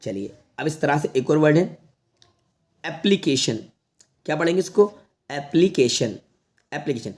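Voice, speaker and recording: A man leads an online lesson aimed at students. He reads each word slowly and repeats it several times. He keeps reassuring the viewers, who he calls children. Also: fairly high pitch, expressive, a little mellow. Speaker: English teacher.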